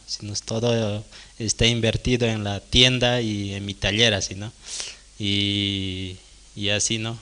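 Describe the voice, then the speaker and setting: A young man from Bolivia, a church member, gives a personal testimony at a prayer service. His voice is fairly low, pushed and bright, and he speaks hesitantly, ending nearly every phrase like a question.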